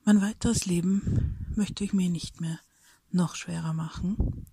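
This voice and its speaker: A woman reading a reflective personal story aloud in a soft, breathy whisper, slowly and thoughtfully. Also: on the low side, steady tone, no room sound.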